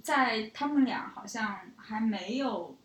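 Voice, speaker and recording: Young woman co-host, somewhat high voice, loose conversational delivery, echoey room. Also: expressive, slow. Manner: chatty, breaks off and restarts. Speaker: podcast co-host. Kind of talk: casual podcast chat.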